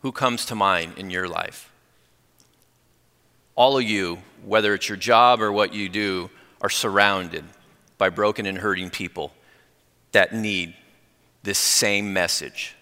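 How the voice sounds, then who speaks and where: A middle-aged man giving a conversational sermon with personal testimony, earnest and growing excited, speeding up when fired up. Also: lowish voice, slow, long pauses. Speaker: lay preacher. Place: church. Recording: long reverb in a church hall.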